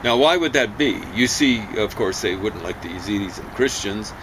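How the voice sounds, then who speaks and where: A man giving a rambling opinion monologue on current events, emphatic and opinionated, with halting asides. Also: on the low side. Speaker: vlogger. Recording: steady ambient background noise.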